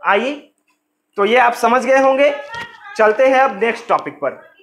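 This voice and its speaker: A man's voice: very high-pitched, lively intonation, measured pace, fairly bright tone. A man teaching an exam-prep lecture on English teaching methods, explaining in Hindi mixed with English terms and repeating key phrases.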